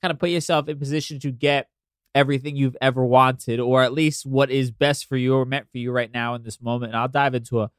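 A man's voice: mid-range voice, fairly even intonation, brisk, smooth, dry recording, studio quality. Nasal, stuffed-up man hosting a casual podcast. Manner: informal, sweary, conversational asides. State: congested from allergies. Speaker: podcast host.

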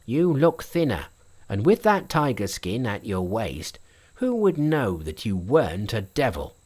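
A man voicing a timid, very old farmer who talks slowly and waveringly in a storybook reading. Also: mid-range voice, big pitch swings, a little mellow. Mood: wary. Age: older. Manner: slow, wavering, muttering. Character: timid ancient farmer, a hundred and thirty.

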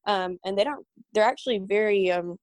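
A woman's voice: mid-range voice, fairly quick, no room sound. Woman guest, earnest and emotional, loose with fillers, dry close sound. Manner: emotional, many fillers and restarts. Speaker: guest singer. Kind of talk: casual interview talk.

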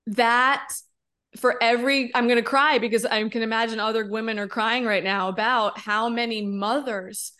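This is a woman in her thirties who co-hosts a podcast, and her voice sits slightly above the usual range. She speaks in a candid, expressive way, with the odd swear word. She leans hard on her points and keeps asking "right?". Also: fairly high pitch, normal speed. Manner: emphatic and expressive, with frequent rhetorical "right?". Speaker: podcast co-host. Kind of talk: casual podcast conversation.

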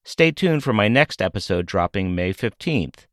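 Lively, low-voiced male podcast host. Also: normal speed, no echo, studio quality. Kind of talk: scripted podcast narration.

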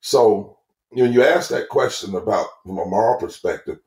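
Lower-voiced emphatic preacher man. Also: expressive, normal speed, a little mellow, echoey room. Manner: emphatic, preacherly, repeating phrases. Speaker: preacher and theologian. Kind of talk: sermon-like talk.

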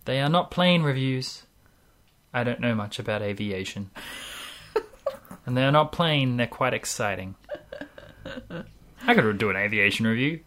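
A podcast host with an Australian accent speaks in a medium-pitched voice. The style is casual co-hosted chat with a playful, jokey manner. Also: lively intonation, measured pace, long pauses, a bit bright.

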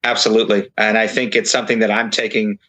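Earnest low-voiced man legislator. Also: flat delivery, sharp tone. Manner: earnest, halting with frequent uh fillers. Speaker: county legislator, news guest. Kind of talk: live news interview.

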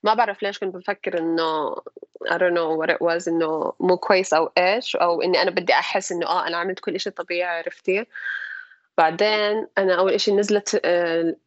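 امرأة شامية سريعة الكلام تمزج العربية بالإنجليزية. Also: female voice, fairly low pitch, fairly even intonation, fast talker, no echo, muffled recording. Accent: Levantine Arabic. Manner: mixes English words and phrases into Arabic. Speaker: interviewee, a mother telling her birth story. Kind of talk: casual personal storytelling.

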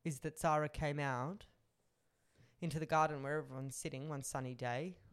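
A woman's voice: sits low, moderate pace. A woman recapping a reality show in casual chat, acting out the people she quotes. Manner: animated, acts out quotes in put-on voices.

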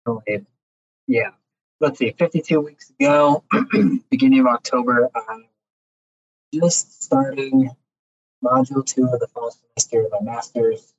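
A man's voice: medium pitch, unhurried, long pauses. Man on a tinny, metallic cutting-out mic. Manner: rambling, restarts thoughts often. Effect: tinny, cutting-out microphone like a tin can on a string. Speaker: community call participant. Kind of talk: casual chat. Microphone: poor headset or computer mic on a video call. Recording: tinny lo-fi video-call audio.

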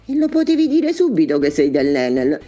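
A woman's voice: deep voice, huge pitch swings, brisk, warm tone, dull audio, faint music behind, heavily acted. A woman voicing a sarcastic, down-to-earth young Mary in a comic reading. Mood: sardonic. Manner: sarcastic, brusque.

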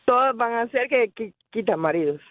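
Woman from Guatemala, radio caller, blunt, emphatic, high voice, tinny phone line. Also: lively intonation, normal speed, no echo. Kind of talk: phone call-in.

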